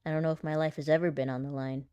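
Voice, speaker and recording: Racing along with little pitch movement, a giggly aspiring voice actor and content creator thinks aloud and mocks herself while rehearsing voice lines in a casual vlog. Her small, light, slightly low voice is clear and resonant and recorded close and dry with no room sound, though the recording is muffled.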